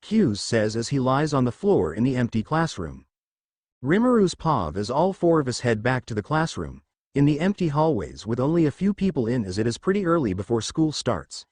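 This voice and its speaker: A man hosting his channel and reading fanfiction aloud with animated storytelling. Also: mid-range voice, no room sound. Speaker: fanfiction narrator.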